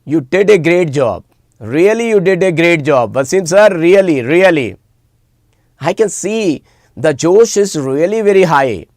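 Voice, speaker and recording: Speaking at a measured pace in a fairly high, expressive and slightly mellow voice, a man with an Indian accent runs an online live class. He chats casually with students on the stream, repeating words and phrases for emphasis. The sound is clean studio quality without room echo.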